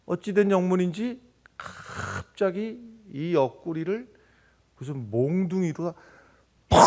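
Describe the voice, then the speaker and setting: A male pastor preaching a sermon, telling a story with loud exclamations and quiet asides. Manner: animated storytelling, swings between loud exclamations and low asides.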